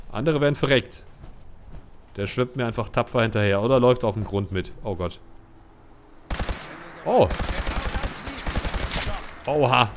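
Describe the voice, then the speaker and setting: A man's voice: mid-range voice, slight background noise. A man from Germany giving casual gameplay commentary as a let's play host, chatting to himself and his game companion.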